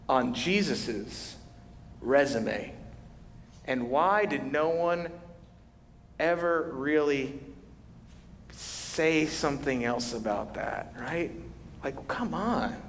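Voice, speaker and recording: A man preaching a sermon as pastor, telling the story with lively, conversational energy and acting out the quotes. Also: on the high side, a little hiss or hum. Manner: animated storytelling, acts out quotes. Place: large church hall. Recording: reverberant church hall.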